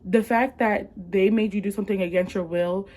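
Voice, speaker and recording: A young woman casually dishes out frank, slangy advice on submitted questions, reacting animatedly, in a mid-range voice at normal speed. She records in a room at home on a camera and later a phone, sitting a bit away from the mic, so the room tone is roomy.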